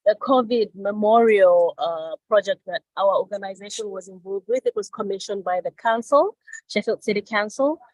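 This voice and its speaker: A woman's voice: medium pitch, fairly bright tone, no echo, poor audio. Guest, female, from Zambia, casual explainer, dry close sound. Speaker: guest, organization director.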